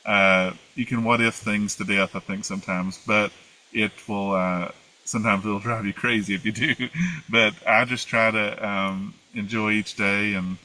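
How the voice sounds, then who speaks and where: An American man from the United States with an Appalachian accent, an interview guest and former flight attendant, answers questions in casual conversational storytelling that's rambling and somewhat hesitant. His voice is fairly low with fairly even intonation, a measured pace and a sharp tone, on a rough recording.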